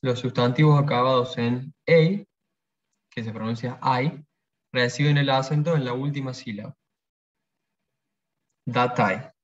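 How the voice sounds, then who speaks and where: A man's voice: mid-range voice, fairly even intonation, moderate pace. A man teaching a pronunciation workshop, explaining patiently and repeating example words. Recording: dull lo-fi sound.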